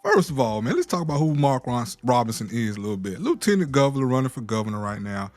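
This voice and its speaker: A man co-hosting a casual commentary show, talking in an animated, mocking, exasperated way. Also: medium pitch, quick pace, no echo. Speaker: co-host.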